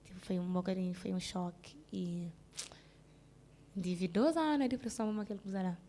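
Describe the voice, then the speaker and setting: A woman with a Cape Verdean Creole accent telling a personal story in an interview, halting and restarting, often asking if the listener understands, subdued with sudden bursts of emphasis. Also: lowish voice, mellow, slight background noise. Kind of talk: personal account in a casual interview.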